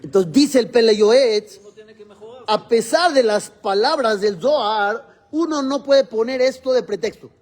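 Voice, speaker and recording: Rabbi guy giving a class, high voice for a man, keeps asking the students questions as he explains. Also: a little slow, darkish tone. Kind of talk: religious class lecture.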